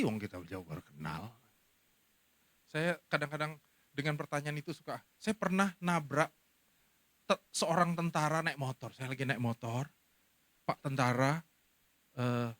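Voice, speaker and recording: A middle-aged man preaching as a pastor to a congregation, telling stories in an animated way. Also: a little high, dry recording. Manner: animated storytelling, acting out quoted speech. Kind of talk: sermon.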